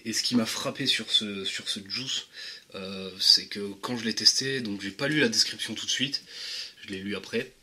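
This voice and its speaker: A man giving a casual product review, talking in a slangy, halting way with many restarts. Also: lowish voice, sharp tone, breathy edge. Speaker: vape juice reviewer.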